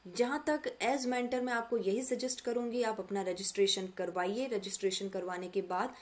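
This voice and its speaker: A woman's voice: mid-range voice, fairly even intonation, normal speed. A woman mentor walking students through an online course portal in a patient, step-by-step tutorial. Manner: patient step-by-step explaining, addresses students directly. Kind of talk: screen-recorded tutorial walkthrough.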